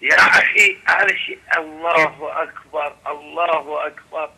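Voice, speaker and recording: A man's voice: fairly high pitch, flat delivery, normal speed, creaky, sharp tone. A man from Iran calls in to a talk show over an unclear phone line. He is emphatic and often repeats his words. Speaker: phone-in caller.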